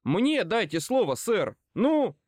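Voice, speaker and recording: A man reading an audiobook, voicing a hot-tempered young male wizard who shouts hoarsely in anger. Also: on the high side, lively intonation, moderate pace, no room sound, pitched above the performer's own voice, close to an everyday voice. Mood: angry. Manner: raised, hoarse, angry shouting.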